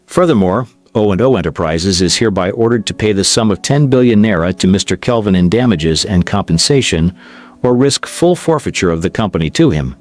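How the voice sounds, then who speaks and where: A man's voice: on the low side, animated, fairly quick, hardly any pauses, natural voice. A man voicing a stern, middle-aged judge who delivers a ruling in a firm, formal manner.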